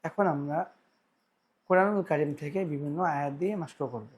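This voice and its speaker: A man teaching Quran pronunciation, explaining slowly and drawing out practice syllables. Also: on the high side, breathy edge. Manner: slow, deliberate explanation with drawn-out practice syllables. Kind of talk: tajweed pronunciation lesson.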